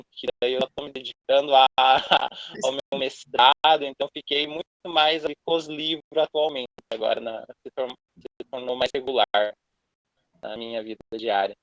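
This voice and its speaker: A young man with a Brazilian Portuguese accent introducing himself as a teacher in an online class, earnest and halting with frequent restarts. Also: mid-range voice, fairly even intonation, fairly bright tone, no echo, rough recording.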